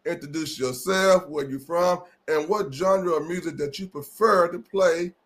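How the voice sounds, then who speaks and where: High-voiced joking male host. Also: measured pace, a bit bright. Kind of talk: casual chat.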